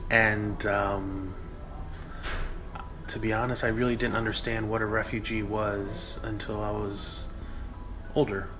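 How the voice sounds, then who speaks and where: A man in his thirties from the United States talks earnestly about his work as a refugee program director, pausing on ums and uhs. His voice sits low and stays flat. Music plays clearly behind him. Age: 30s. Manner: earnest, many fillers. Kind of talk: interview testimonial. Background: clear background music.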